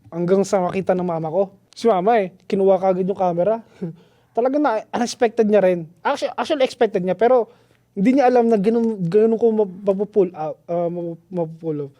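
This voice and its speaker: A man guest on a podcast, telling a story in a casual, slangy, animated way with lots of restarts. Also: high-pitched, no echo. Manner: animated, slangy, keeps saying "tol"; restarts and trails off often.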